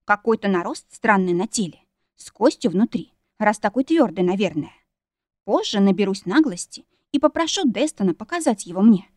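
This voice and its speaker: A woman's voice: medium pitch, expressive, normal speed, a little mellow, no room sound. Woman narrating an audiobook, dry sound. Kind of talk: scripted first-person narration.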